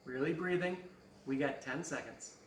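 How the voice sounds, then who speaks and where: Recorded from afar in a reverberant fitness studio with a little hiss or hum, a male coach with a fairly high voice talks at a moderate pace. He guides a stretching session with jokes and cheerful countdowns.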